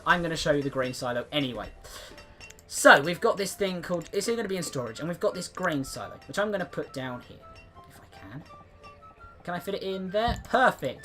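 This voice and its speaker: A man's voice: on the high side, fairly bright tone. A man giving casual let's-play commentary, chatty and rambling, often restarting his sentences. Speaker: gameplay commentator.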